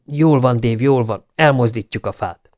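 A man voicing a cautious grown man in an audiobook, speaking in a measured, soothing way. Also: mid-range voice, a little mellow, no room sound, natural voice. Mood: steady.

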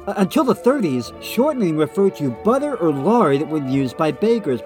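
A podcast co-host with a slightly nasal voice reads a text aloud on a casual show, then breaks off with blunt off-the-cuff remarks of his own. His voice is a little high and a little mellow.

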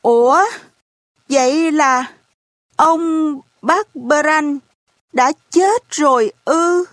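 A woman's voice: sits high, animated, unhurried, dry recording, clean studio sound, voice pushed up. Woman doing a pleading orphan boy. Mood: pleading, anxious. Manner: pleading, urgent, raised voice. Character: anxious orphan boy searching for his family.

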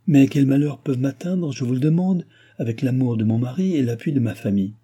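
A man's voice: medium pitch, brisk, warm tone, breathy edge, voice pushed up, natural voice. A man putting on a haughty young princess. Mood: questioning. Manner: haughty, commanding.

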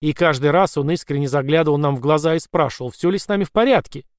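A worn-out possessed father who states dark things plainly and grimly, as a male narrator puts him on. His voice sits a little high, dry and close. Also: fast talker, clean tone, dry recording, lightly acted. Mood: weary. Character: weary, deadpan possessed father, man.

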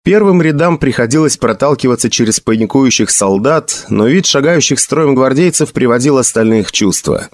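A man reading a novel aloud as narrator, with expressive storytelling. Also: mid-range voice, normal speed, few pauses, no room sound. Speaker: audiobook narrator. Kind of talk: scripted narration.

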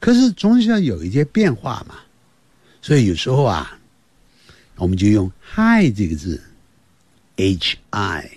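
A man giving a slow English lesson for parents and children, teacherly and lively, repeating words slowly to demonstrate them. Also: lowish voice, breathy edge, dry recording.

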